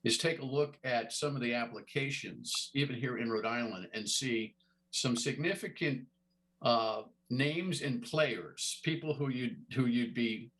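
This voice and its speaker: A man's voice: medium pitch, measured pace, a bit bright. A middle-aged man hosting a TV talk show, asking long rambling questions with many stammers and restarts. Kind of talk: TV interview.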